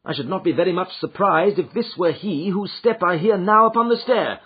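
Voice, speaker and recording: A man playing a keen, commanding Victorian detective, talking high, brisk and emphatic on a dull recording. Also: breathy edge. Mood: urgent.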